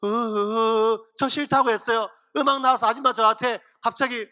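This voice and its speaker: A man playing a naive young foreign laborer who speaks in slow, halting, broken sentences. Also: very high voice, fairly even intonation, sharp tone. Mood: naive complaining.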